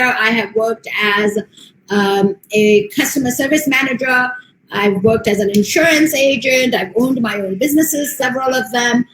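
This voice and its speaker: With a fairly high voice, an American motivational speaker gives an earnest, steady online presentation sprinkled with frequent ums. The poor audio is reverberant, with a little hiss or hum.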